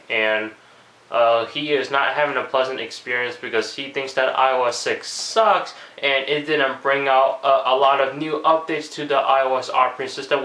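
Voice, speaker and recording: Guy with a cold talking casual vlog stuff, lots of uhs, bright voice, echoey room. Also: medium pitch. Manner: rambling, many fillers and restarts. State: has a cold, voice cracking. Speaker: tech vlogger. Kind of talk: casual video commentary.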